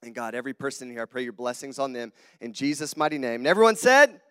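A guest preacher from the southern United States, with a Southern accent, delivers a casual, earnest sermon in a church auditorium, often turning to the congregation with conversational asides. His mid-range voice is sing-song, fast, bright, forceful, clear, and resonant, with long hall reverb on it.

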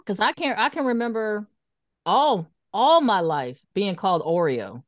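A woman's voice: mid-range voice, sing-song, unhurried, no echo, dull audio. A woman speaking expressively and emphatically in a casual panel discussion.

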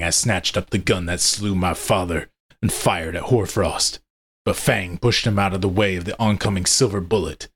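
Give me a man with a low, raspy voice narrating a story steadily. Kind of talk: first-person audiobook narration.

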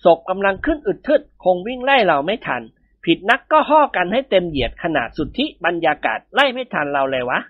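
A man voicing a stern, rational doctor who speaks calmly and severely. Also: sits high, a little fast, narrow, tinny audio. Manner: stern, reasoning.

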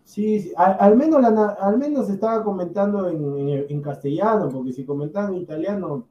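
A man's voice: sits high, fairly quick. A man hosting a sports talk show, ranting in a repetitive way. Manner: animated, repeats himself, rants. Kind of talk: casual sports chat. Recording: roomy, distant and dull.

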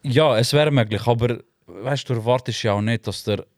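A young Swiss German man, a podcast co-host, telling a lively story in casual chat and laughing often. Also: mid-range voice, a little fast, no echo.

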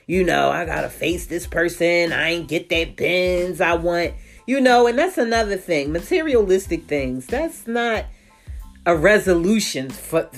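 A woman with a congested, stuffy voice, giving frank casual advice in a chatty way full of "you know.". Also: lowish voice. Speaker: vlogger. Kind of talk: casual advice talk to camera.

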